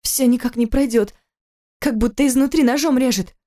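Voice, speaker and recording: A woman reading an audiobook voices a frightened young pregnant wife, pitching her up high and making her sound pained and pleading. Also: fast talker, a little mellow, lightly acted.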